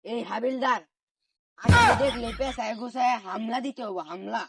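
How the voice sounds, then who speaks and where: High, bossy comic police officer, played by a woman, Bangladeshi accent. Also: lively intonation, normal speed, vocal fry, distant mic. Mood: blustering. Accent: Bangladeshi Bengali. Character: bossy, bumbling police officer ordering a constable. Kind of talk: amateur comedy skit acting.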